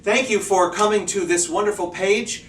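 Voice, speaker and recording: Lively male English teacher with a fairly high voice, recorded from a distance in an echoey classroom. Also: moderate pace, a little hiss or hum. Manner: lively, checks in constantly with "okay?" and "right?". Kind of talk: classroom-style video lesson. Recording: echoey room, voice a bit far off.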